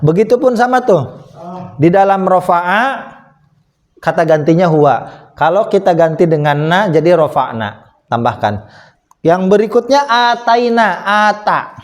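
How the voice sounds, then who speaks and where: A man with an Indonesian accent teaching Arabic grammar to a class, asking questions and answering them patiently. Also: a little high. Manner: slow, patient, asks and answers his own questions. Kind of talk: classroom lesson with questions to students. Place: small prayer room.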